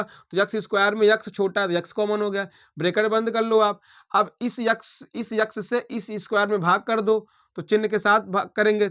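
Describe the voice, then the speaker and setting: A male maths teacher talks through a problem at a steady classroom pace, naming every sign and step as he works. His voice sits noticeably high for a man. He keeps checking in with the class. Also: clear, resonant tone. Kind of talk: blackboard maths lesson.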